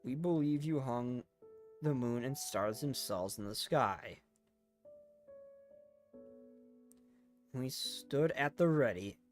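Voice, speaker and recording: A man voicing a grave, regretful anime game heroine, reading the dialogue aloud in a solemn, halting way. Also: medium pitch, natural voice. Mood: bitter, sorrowful. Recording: music under the voice.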